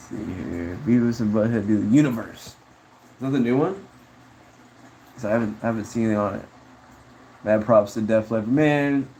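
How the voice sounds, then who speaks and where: Man, casual livestream chat, laid-back rambling, dark mellow timbre, faint background noise. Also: lowish voice, poor audio. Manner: rambling, laid-back, peppered with "bro" and "dude". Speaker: streamer. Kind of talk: casual livestream chat, answering viewer comments.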